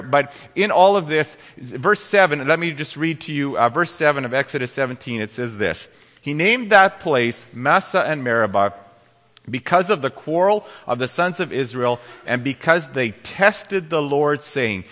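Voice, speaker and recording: A man delivers a sermon in a bright, forceful voice, pitched a little high for a man. He reads scripture aloud and explains it earnestly, often stopping and restarting mid-thought. His words ring out with a long reverb, as in a church sanctuary. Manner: earnest preaching with scripture readings and frequent restarts. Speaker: pastor.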